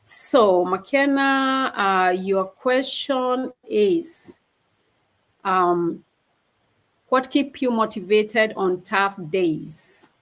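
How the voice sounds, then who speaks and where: A woman's voice: mid-range voice, drawn-out words, a bit bright, poor audio. A woman from Kenya hosts a live online stream and speaks earnestly to her viewers. She often repeats and restarts her phrases as she goes, and she comes through a video call setup. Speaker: host of a livestream. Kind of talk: casual livestream talk.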